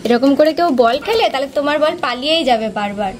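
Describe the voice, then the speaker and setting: A woman from West Bengal, hoarse with a cold, chatting to her vlog audience and gently coaxing her small daughter at home. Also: high-pitched, animated, fast talker, a little hiss or hum. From West Bengal, India. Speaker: vlogger mother. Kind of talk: casual home vlog talk to camera and child.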